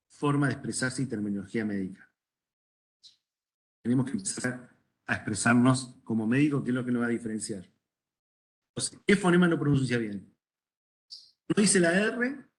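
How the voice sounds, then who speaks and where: A middle-aged man with a Rioplatense Spanish accent, an ENT doctor lecturing medical students, asking the class questions and telling stories from his practice. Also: mid-range voice. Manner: conversational, asks the class questions, tells anecdotes.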